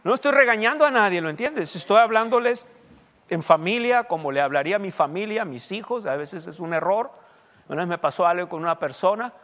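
High-voiced pastor preaching in a hall. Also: male voice, lively intonation, brisk, a bit bright. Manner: conversational preaching, rising to emphatic questions. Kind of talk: sermon. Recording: long hall reverb.

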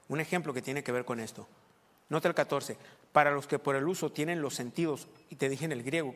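A man preaching at a pulpit microphone in a church sanctuary, his voice sitting at an ordinary middle pitch. He teaches from scripture and keeps pointing the congregation back to the text. A long reverb hangs behind every word. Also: a bit bright. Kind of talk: sermon.

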